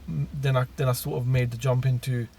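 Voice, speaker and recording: A man's voice: mid-range voice, little pitch movement, brisk, darkish tone, slightly rough. A man telling his personal story in a casual monologue, rambling with many fillers and restarts.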